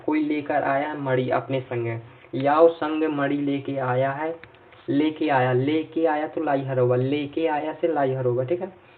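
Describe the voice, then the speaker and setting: Distant, tinny male exam-prep teacher. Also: a little high. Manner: repetitive, checks in often with "ठीक है". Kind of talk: classroom lesson teaching memory tricks. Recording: tinny, phone-like sound from a distance off mic.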